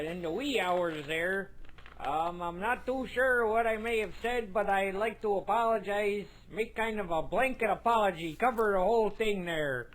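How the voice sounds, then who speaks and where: A man's voice: sits high, a bit bright. A man voicing a long-winded male cartoon coach who leaves a folksy, rambling apology on an answering machine.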